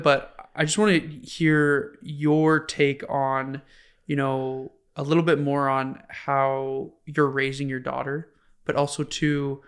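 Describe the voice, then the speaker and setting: A young man hosts a podcast from a home living room, his voice smooth and clean. He speaks in a fairly level tone, winding through long, hesitant question setups into a boom-arm mic. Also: a bit bright. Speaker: podcast host. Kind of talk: casual podcast interview.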